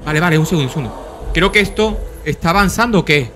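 A young man with a Spain Spanish accent giving live gameplay commentary, talking to himself in quick repeated bursts and swearing and yelping whenever he is under attack. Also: on the high side. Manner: excitable, swears and yelps when under attack. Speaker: gaming channel host.

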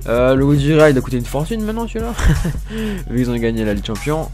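Man, gaming commentary, excitable, self-mocking, stammers, faint music behind. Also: medium pitch, fast. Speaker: gaming YouTuber. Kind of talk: casual pack-opening commentary.

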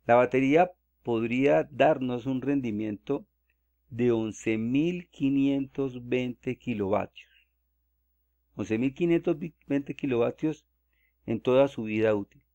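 A man explains figures step by step in an even, methodical way, sounding like a tutorial narrated over a screen recording. His voice sits at a middle pitch, and the sound is dull and dry, with little room echo. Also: takes it slowly. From Colombia. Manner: methodical, walks through calculations step by step. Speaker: solar energy explainer.

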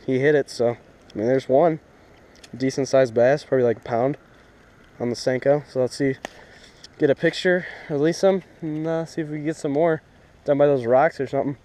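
A man's voice: medium pitch, normal speed. A young man filming himself fishing from a lakeshore, chatting casually with lots of fillers. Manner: relaxed, rambling with fillers. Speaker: fishing vlogger. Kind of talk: casual outdoor commentary. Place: lakeshore outdoors. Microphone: head-mounted action camera.

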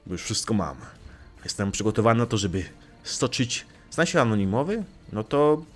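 A man's voice: on the low side, lively intonation, moderate pace. A young man casually commenting on his gameplay, joking, swearing lightly and talking back to the game characters. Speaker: let's play gamer.

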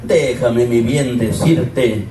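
Older Mexican male, grand impassioned poetry declamation, unhurried delivery, distant echoey outdoor PA. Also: mid-range voice, warm tone. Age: older, 60s or 70s. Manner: impassioned, theatrical, drawn-out phrasing. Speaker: poetry reciter at a public event. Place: open-air covered plaza before a seated audience. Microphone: handheld microphone over PA, recorded from a distance. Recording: echoey distant PA, background noise.

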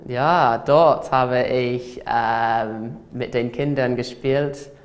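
A man's voice: medium pitch, steady tone, extremely slow. A teenage boy from England, a student speaking German as a learner in a classroom, hesitant with many fillers. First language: English. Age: teens. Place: classroom, indoors.

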